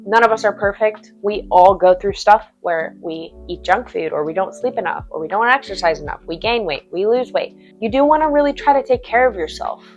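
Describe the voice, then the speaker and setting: Frank, lively woman nurse vlogger. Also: medium pitch, fairly quick, few pauses, highs cut off, faint music behind. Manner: frank, animated, acts out chirpy patient small talk. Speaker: nurse and channel host. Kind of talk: advice vlog talking to camera.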